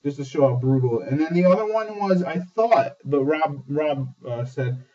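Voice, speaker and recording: A man hosting a casual TV episode review, excitable and swearing often, with lots of fillers. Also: fairly high pitch, moderate pace. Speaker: host. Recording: dull lo-fi sound, distant mic.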